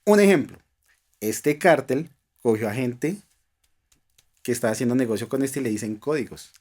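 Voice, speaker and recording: Colombian man, podcast guest, mid-pitched everyday voice, earnest and emotional storyteller, sinks soft at tense beats. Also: expressive, moderate pace. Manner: earnest, emotional, speaks of faith, drops to soft tones at tense moments. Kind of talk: personal storytelling in a podcast interview.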